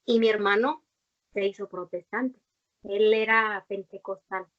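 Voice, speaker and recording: A woman's voice: medium pitch, fairly even intonation, unhurried. A young woman gives a heartfelt personal faith testimony in conversation, earnest and rambling, with many fillers and restarts. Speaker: guest giving a faith testimony. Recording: dull lo-fi recording.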